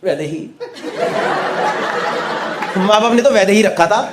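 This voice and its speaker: A male stand-up comedian, doing quick, teasing crowd work that mixes Hindi and English. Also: sits high. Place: live comedy venue with laughing audience. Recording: loud crowd laughter and noise.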